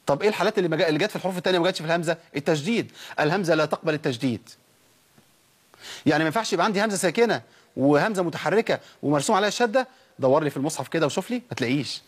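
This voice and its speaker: An Egyptian-accented man lectures on Quran recitation at a quick clip, putting questions to the class and answering them himself. His voice sits a bit high and has a husky edge. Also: expressive. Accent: Egyptian Arabic.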